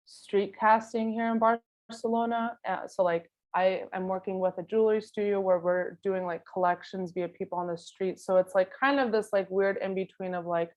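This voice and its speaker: The audio is dull, and the woman's medium-pitched, slightly mellow voice moves at a moderate pace with fairly even intonation and hardly any pauses. She is a guest photographer at an artist talk, casually fielding interview questions in Spanish, her second language. Thinking aloud, she uses lots of fillers like "like" and "you know."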